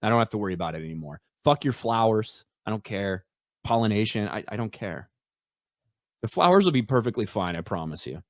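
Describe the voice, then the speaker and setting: A man's voice: fairly low pitch, brisk, dry recording, clean studio sound. A man co-hosting a casual online talk show, speaking bluntly and with lots of swearing as he reads out chat messages. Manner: blunt, profane, animated. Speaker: podcast co-host reading chat.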